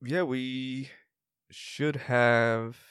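A man's voice: medium pitch, steady tone, extremely slow, a bit bright, clean tone, no room sound, studio quality. A man voicing an accommodating innkeeper in an improvised tabletop game, talking politely and a little hesitantly to guests. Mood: obliging. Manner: polite, obliging, slightly hesitant service talk. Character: accommodating male innkeeper at an adventurers' guild. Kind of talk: improvised tabletop role-play.

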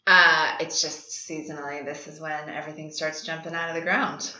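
A woman's voice: deep voice, little pitch movement, normal speed, pushed and bright. A woman guest giving conversational interview answers, with the empty echo of a warehouse around her. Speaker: food hub manager, interview guest. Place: warehouse of a food hub. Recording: echoey warehouse, slightly muffled.

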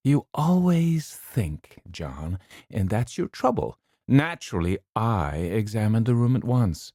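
A man voicing a bossy, self-important older wife who talks in a haughty, scolding, drawn-out way. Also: on the low side, very animated, warm tone, no room sound, clean studio sound, voice pushed up, heavily acted.

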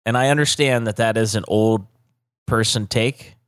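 A man's voice: lowish voice, normal speed, clear, resonant tone, no room sound, studio quality. A man co-hosting a casual podcast, giving blunt, profane hot takes with plenty of swearing. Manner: blunt, profane trash talk. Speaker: podcast co-host. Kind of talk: casual chat.

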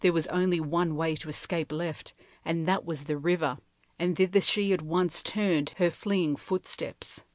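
Brief: woman audiobook narrator, slightly low pitch, measured and steady, dry close sound. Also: no room sound. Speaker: audiobook reader. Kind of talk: scripted narration of a novel.

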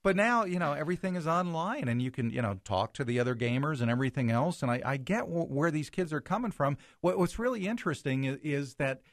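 A man's voice: fairly high pitch, expressive, fast talker, few pauses, no room sound, clean studio sound. An older man co-hosting a radio talk show, rambling and repeating words as he starts. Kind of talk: casual radio chat.

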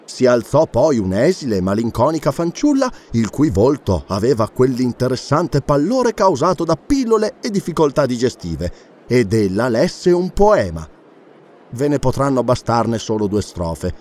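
A man reading a classic novel aloud as an audiobook narrator, with an expressive, theatrical delivery. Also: medium pitch, moderate pace. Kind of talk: scripted narration.

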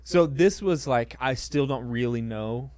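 A man's voice: medium pitch, unhurried, a little mellow, clear, resonant tone, dry recording. Man, pastor, casual storytelling, hesitant, dry close sound. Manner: hesitant, many fillers and restarts, self-deprecating.

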